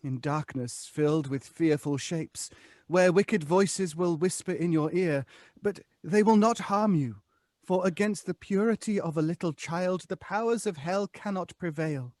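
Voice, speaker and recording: An actor playing a haughty, weary centuries-old ghost in an old-time radio drama, with pompous, theatrical phrasing. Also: male voice, high-pitched, unhurried, a little mellow, no echo, studio quality. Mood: solemn, pleading. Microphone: close studio microphone.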